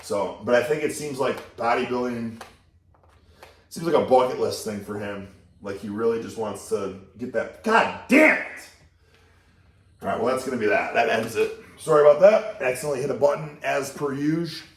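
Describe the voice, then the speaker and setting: A man's voice: mid-range voice, steady tone, moderate pace. A man who is losing his voice, chatting to camera in a loose, blunt way with mild swearing, from a room at home. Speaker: fitness YouTuber reacting to a video. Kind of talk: casual rambling chat to camera. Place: indoor room at home with a TV behind him. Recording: roomy echo.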